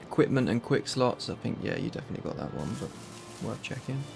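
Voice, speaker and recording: A man's voice: lowish voice, very animated, quick pace, vocal fry, over music. A man with a London accent, casually reading through a list of game mods with a friend. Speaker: streamer. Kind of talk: casual gaming chat.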